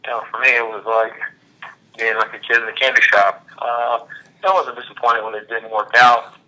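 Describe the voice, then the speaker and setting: A man in his thirties, a former college athlete, talking as an interview guest in a relaxed, reflective way with many fillers. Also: mid-range voice, normal speed, poor audio. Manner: relaxed, reflective, frequent "you know" fillers. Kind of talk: casual interview conversation.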